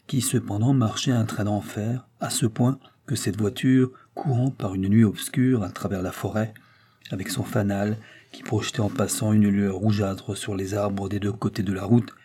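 A man narrating a novel as an audiobook in an even, measured reading. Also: lowish voice, breathy edge. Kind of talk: scripted narration.

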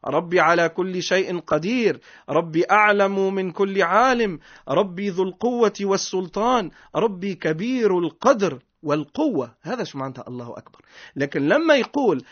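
A man with a Tunisian accent giving an earnest religious radio lesson, speaking emphatically and slowing down for prayers. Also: high voice, lively intonation, a bit bright. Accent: Tunisian Arabic. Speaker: religious teacher on a radio program. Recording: dull lo-fi recording.

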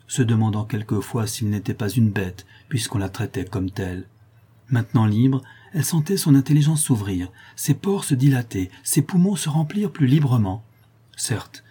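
A man reading a historical novel aloud in measured storytelling narration. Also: lowish voice, dark tone, slightly rough. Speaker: audiobook reader.

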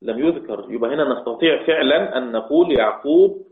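A man's voice: mid-range voice, expressive. Egyptian guy teaching quran readings, says everything twice, roomy tinny audio. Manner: repeats each phrase, chants quoted verses slowly. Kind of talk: religious lesson explaining readings. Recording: echoey, tinny phone-like sound.

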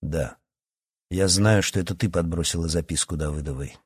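Casting: brooding teen boy, low clipped lines, husky tone, read by a man. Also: normal speed, no room sound, studio quality. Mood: cold. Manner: low, quiet and curt. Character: cold, brooding teenage boy. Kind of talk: audiobook character voice.

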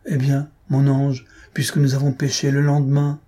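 A man voicing an amorous, smooth-talking Frenchman in love in a storybook reading, speaking tenderly. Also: medium pitch, completely flat delivery, moderate pace, dark tone, close to an everyday voice. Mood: teasing.

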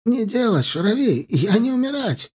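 A man's voice: sits high, animated, takes it slowly, darkish tone, voice pushed up, full character voice. Man voicing a terrified young captive fighter. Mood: pleading. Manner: pleading, sobbing, broken grammar. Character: young male enemy fighter, terrified captive, broken Russian.

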